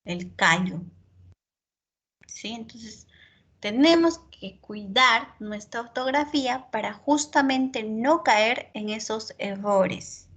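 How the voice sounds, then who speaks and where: A woman teaches a lesson in a somewhat high voice, unhurried and deliberate. She explains patiently, working through spoken examples, and keeps checking in with her students through short tag questions. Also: lively intonation, fairly bright tone. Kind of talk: online class lecture.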